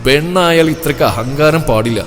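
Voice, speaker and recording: A man voicing a blunt, hot-tempered young village man who teases and scolds loudly. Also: medium pitch, normal speed, natural voice. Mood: angry. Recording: long reverb with soft music.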